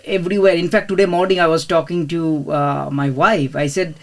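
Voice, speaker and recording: A man's voice: on the high side, fairly even intonation, brisk. A man in his thirties, originally from India, speaking as a guest in a casual interview, with frequent fillers and restarts. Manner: hesitant, many fillers and restarts. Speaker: podcast guest, property investor.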